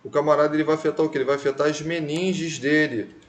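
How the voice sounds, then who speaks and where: A man's voice: a little high, steady tone, quick pace. A male nursing teacher, lecturing a class in a conversational, emphatic way that leans on tag questions.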